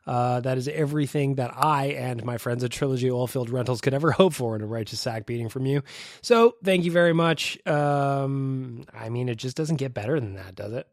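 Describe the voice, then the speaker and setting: Hosting a casual podcast alone from his home studio, a Canadian man reacts to voicemails in a wry, self-deprecating way. He speaks at medium pitch and normal speed, recorded on a dry close mic with faint music underneath.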